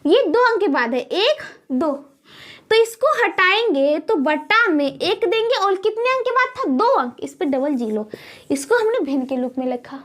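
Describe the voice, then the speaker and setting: A woman's voice: extremely high pitch, very animated, moderate pace, fairly bright tone. A woman math teacher with a Bihari Hindi accent, explaining rules step by step to students in a classroom lesson.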